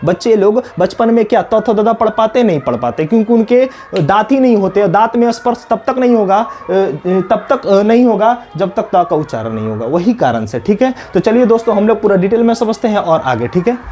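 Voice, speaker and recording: A man teaching an exam-prep lesson, asking questions and answering them himself, dropping lower and softer on each repeated answer. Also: animated, a little fast, few pauses, soft background music. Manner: drops low and soft on the repeated answer.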